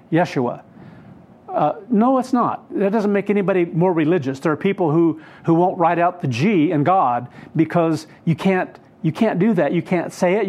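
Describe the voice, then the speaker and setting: A man's voice: fairly high pitch, a little mellow. Earnest rambling male Bible teacher. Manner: rambling, self-correcting, earnest.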